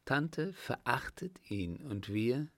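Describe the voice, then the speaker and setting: A man voicing an earnest, timid young French noblewoman in a slow, gravelly audiobook reading. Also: mid-range voice, big pitch swings, no echo, exaggerated voice.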